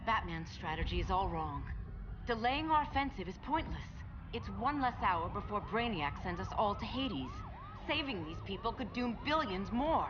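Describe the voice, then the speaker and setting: A woman's voice: mid-range voice, big pitch swings, moderate pace, muffled recording, background noise, natural voice. A woman playing a proud, ruthless Amazon warrior princess in a video game cutscene, speaking in a stern, formal way. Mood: impatient, resolute.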